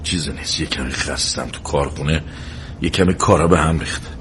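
A man acting as a tired middle-aged father and husband in a drama, often muttering under his breath and flaring up when angered. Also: slight background noise. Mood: weary, muttering. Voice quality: low mutter at rest, loud shouts when angry. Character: weary middle-aged father, mumbling, quick to flare.

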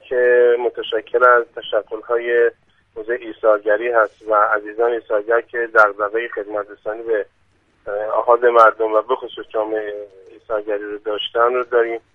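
Man, phone guest, flat even delivery, tinny phone line, dry. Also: mid-range voice, dry recording. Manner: formal, slow, many hesitant pauses. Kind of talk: radio interview over the phone.

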